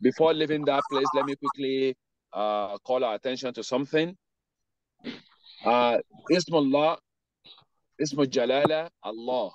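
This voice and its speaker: Man teaching in a lo-fi online class. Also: mid-range voice. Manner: drawn-out careful pronunciation of words, then explaining rules. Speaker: Arabic teacher. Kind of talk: online class with read-after-me drills. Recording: dull lo-fi online class audio.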